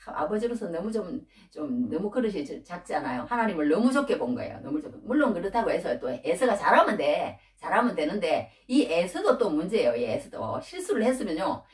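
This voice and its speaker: Woman preacher, lively pitch, chatty sermon delivery, roomy sound from a distance. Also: fairly quick, few pauses. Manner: animated, conversational preaching with rhetorical questions. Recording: echoey room, mic at a distance.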